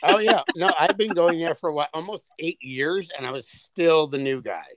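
A man co-hosting a podcast in casual chat, animated and profane, telling stories with big exaggeration. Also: a little high, normal speed, no echo. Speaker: podcast co-host.

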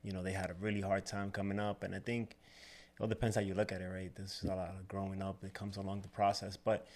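A man from the Dominican Republic, a barber and shop owner, talks through his story in a casual interview. His voice is low, and his delivery is easygoing and unhurried, with plenty of you knows and uhs. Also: monotone, darkish tone. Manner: easygoing, loose with fillers like you know and uh.

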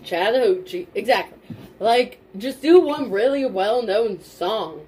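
A young woman co-hosting a podcast speaks a little high and a little slow, her voice slightly rough on a rough recording with steady background noise and room ambience. She chats informally and emphatically, repeating herself for stress and swearing mildly.

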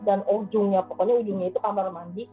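A woman's voice: mid-range voice, fast. A woman, animatedly telling a ghost story in a casual chat. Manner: animated, acts out voices in her story. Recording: tinny phone-like sound with faint music.

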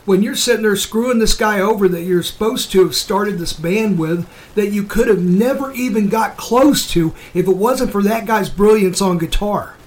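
A man's voice: high-pitched, normal speed, few pauses. A man hosting a casual talk show, giving opinionated commentary in a blunt, sweary, emphatic manner. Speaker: show host.

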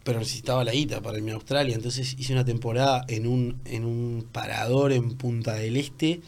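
A man in his thirties speaks with a Uruguayan Spanish accent, unhurried and easygoing. He tells long stories in casual podcast chat, with many fillers and restarts. His voice sits at an ordinary middle pitch. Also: creaky. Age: 30s. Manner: relaxed storytelling with many fillers. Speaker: guest.

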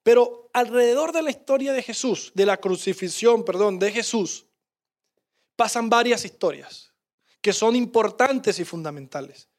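A male pastor preaching with passion in a very high voice. He talks straight to the congregation and sinks to a soft hush for quoted words. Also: animated, measured pace. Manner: impassioned preaching, drops to a hush when quoting Jesus. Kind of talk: sermon.

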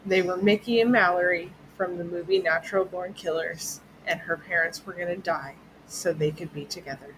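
A woman's voice: lowish voice, steady tone, moderate pace, hardly any pauses, noisy background. A woman hosting a casual true-crime podcast, chatty and loose, often breaking into giggles. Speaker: podcast host.

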